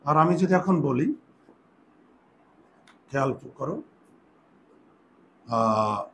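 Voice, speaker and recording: A man teaching a grammar lesson, dictating rules slowly and checking often whether his students follow. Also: mid-range voice, expressive, a bit bright, slight background noise. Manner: slow, deliberate dictation with repeated questions to students. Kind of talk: classroom lesson.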